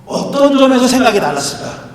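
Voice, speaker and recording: A male pastor delivering a sermon, emphatic and animated, swinging between loud and soft. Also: very high-pitched, a little fast. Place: church sanctuary. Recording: echoey church hall from far off.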